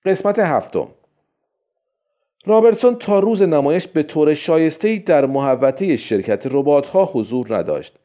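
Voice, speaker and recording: A man narrating a science fiction story in a steady, storytelling way. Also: on the high side. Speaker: audiobook narrator. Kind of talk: scripted narration. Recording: dull lo-fi recording.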